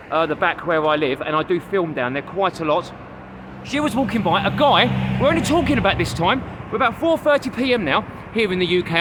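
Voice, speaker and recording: A London vlogger and comedian walks along a busy city street, talking straight to his camera in a casual, chatty way, calling viewers "guys" and using plenty of "uh" fillers. His voice sits fairly high for a man, and he gets a little short of breath. Street noise and passing vehicles roar clearly behind him.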